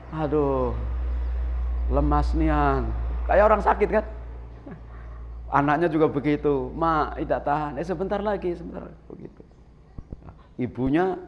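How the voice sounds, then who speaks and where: A man preaching a dawn sermon who jokes and keeps putting questions to his listeners. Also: on the high side. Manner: lively, joking, asks the audience questions. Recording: long hall reverb.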